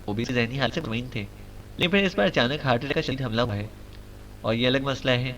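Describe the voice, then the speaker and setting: A man voicing a serious male hospital doctor who explains matters flatly and defensively. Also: mid-range voice, slight background noise, natural voice.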